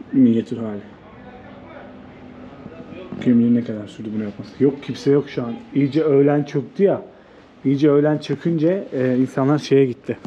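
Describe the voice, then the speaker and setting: A Turkish travel vlogger strolls around an old town outdoors, chatting to the camera in an informal, enthusiastic, conversational way. His mid-range voice is mellow, though the audio sounds dull. Background noise and outdoor street ambience come through clearly.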